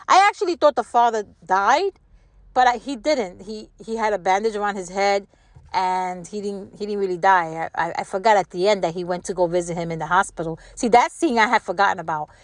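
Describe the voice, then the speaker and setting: An older woman talks in a loose, rambling, conversational way, as a solo commentator. Her pitch sits in the middle for a woman, and she repeats phrases to drive them home. The sound is dry, with no room echo. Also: moderate pace. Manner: repeats words and phrases for emphasis; conversational, checks in with rhetorical questions. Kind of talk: casual rambling chat.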